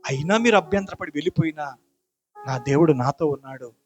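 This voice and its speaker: A man's voice: fairly high pitch, a little fast, darkish tone, highs cut off, faint music behind. A middle-aged man, a pastor, preaching a sermon in church with impassioned prayers and rising, repeated pleas.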